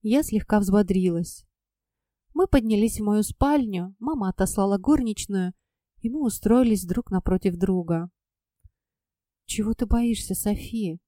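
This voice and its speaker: A woman narrating a first-person audiobook in an expressive, measured reading. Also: mid-range voice, no room sound, studio quality.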